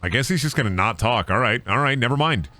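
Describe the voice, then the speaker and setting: Animated, crude-joking man streaming a game. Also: medium pitch, fast, no room sound. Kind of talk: comedic let's-play commentary.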